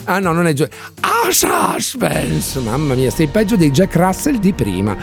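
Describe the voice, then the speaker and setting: A man's voice: a little high, very animated, brisk, over music. A man presenting live radio as a chatty, playful Italian quiz host.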